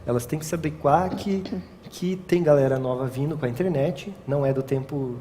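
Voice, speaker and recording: Speaking a little fast in a slightly high, dark-toned voice, a young adult man answers casual interview questions about photographing weddings. His talk rambles with frequent restarts and repeated "sabe?" tags. The audio carries a long reverb and faint background noise.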